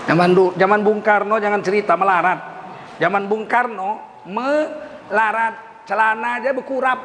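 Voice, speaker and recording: Older male preacher, high animated voice. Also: normal speed, in a large hall, a little hiss or hum. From Indonesia. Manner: animated storytelling with quoted dialogue. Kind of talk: sermon.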